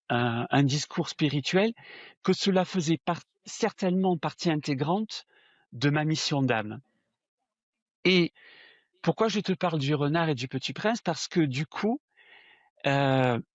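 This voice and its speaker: Man, 60s, southern French accent, storytelling, slightly high voice, dry muffled recording. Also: no echo. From south of France. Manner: animated, addresses the listener with "tu vois", many fillers. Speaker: medium, interview guest. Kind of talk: casual storytelling in an interview. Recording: dull, dry low-fidelity sound.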